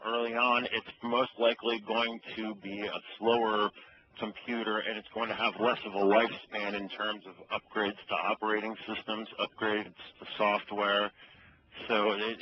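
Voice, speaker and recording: Low-voiced instructive man on muffled phone. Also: little pitch movement, normal speed. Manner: matter-of-fact, instructive. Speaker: electronics store employee. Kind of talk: explanatory customer-service phone talk. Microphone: telephone. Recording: muffled, faintly noisy phone line.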